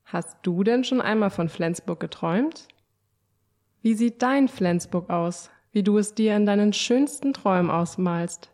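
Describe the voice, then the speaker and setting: Gentle woman co-narrating an audio walk. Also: mid-range voice, unhurried. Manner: gentle, reassuring, inviting. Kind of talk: scripted narration.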